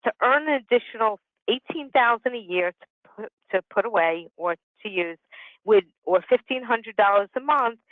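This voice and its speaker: This sixty-something business consultant sounds animated, her voice on the high side and her speed normal. She delivers a prepared, explanatory presentation with conversational asides through a telephone conference line. There's no room sound, and the audio is narrow and tinny.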